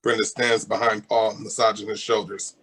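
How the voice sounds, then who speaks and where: A man reading the stage directions aloud in a play reading, in a plain, even way. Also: on the low side, moderate pace, breathy edge, low-quality recording.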